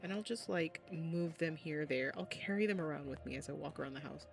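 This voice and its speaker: A woman streaming from her home desk in casual chat, cooing softly to her cats and often dropping to a hush. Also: sits low, a little fast, low-quality recording. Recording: clear background music. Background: music.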